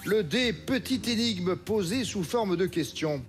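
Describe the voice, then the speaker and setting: A man hosting a TV quiz show in a studio, reading questions briskly and crisply. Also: high-pitched, lively intonation, faint music behind.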